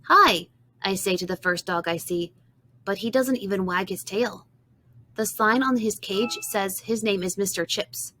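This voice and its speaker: A woman narrating a children's storybook in the first person, with a gentle, expressive reading. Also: mid-range voice, moderate pace, a little hiss or hum. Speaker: audiobook narrator.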